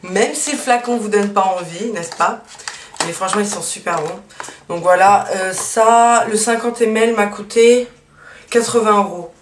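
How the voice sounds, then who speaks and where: A woman's voice: medium pitch, moderate pace, far from the mic. A woman talks through a beauty haul in a loose, chatty way, leaning on fillers as she goes. Her voice sits in the middle range. The room is echoey, the mic is set back, and a faint hiss runs underneath. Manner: chatty, many fillers and "donc voilà". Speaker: beauty vlogger. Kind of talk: casual haul chat.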